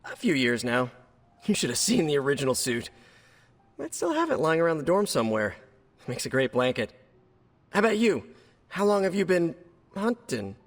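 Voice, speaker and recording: A man's voice: a little high, sing-song, moderate pace, pauses often. An American man playing a young, nerdy, wisecracking superhero in a video game, chatty and joking in a stop-and-start delivery. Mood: upbeat, joking. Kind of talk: video game cutscene dialogue.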